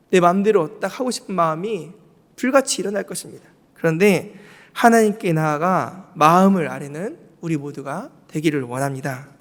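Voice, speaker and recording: In a large hall of a church sanctuary, a male pastor with a high voice preaches a sermon. He poses questions to the congregation and then answers them himself.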